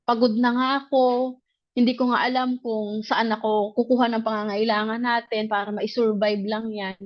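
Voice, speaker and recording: Her voice on the high side and her pace moderate, a woman who grew up in the provinces recounts a personal story as casual testimony. She brings the remembered dialogue to life animatedly, in lo-fi sound with no echo.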